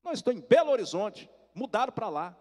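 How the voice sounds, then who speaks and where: A woman's voice: rapid-fire, big-room sound. A man putting on a fervent older aunt's voice. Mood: urgent. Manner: high excited exclamations. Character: older retired churchgoing aunt, fervent and emotional.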